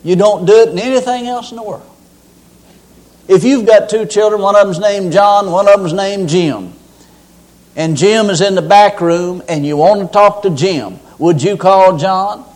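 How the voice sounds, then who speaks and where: A man's voice: high-pitched, normal speed, a little mellow. A man preaching a sermon in a church, folksy and humorous as he tells his examples.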